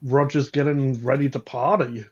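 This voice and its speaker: A man's voice: medium pitch, fairly even intonation, normal speed, a little mellow, husky. A man in his thirties with an Australian accent, hosting a casual chat in a joking, rambling way. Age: 30s. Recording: muffled with faint noise.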